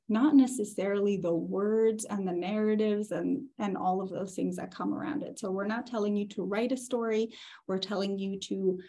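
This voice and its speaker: Brief: thirties woman, mid-pitched, laid-back workshop presenter, chatty explanations. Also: gravelly, warm tone. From Ukraine. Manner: easygoing, explains with fillers and restarts. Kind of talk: conversational presentation.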